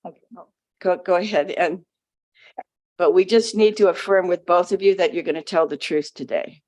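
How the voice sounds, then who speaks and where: A woman chairing a planning commission meeting, reading procedural rules and gently directing testifiers to the table microphone. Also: lowish voice, moderate pace. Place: county planning commission hearing room.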